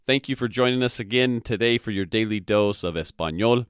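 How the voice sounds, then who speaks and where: A man's voice: fairly low pitch, brisk, clear, resonant tone, no echo, clean studio sound. A man hosting a podcast that teaches Spanish, spelling out words letter by letter, repeating phrases and often checking in with "all right?". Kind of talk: slow, methodical language lesson.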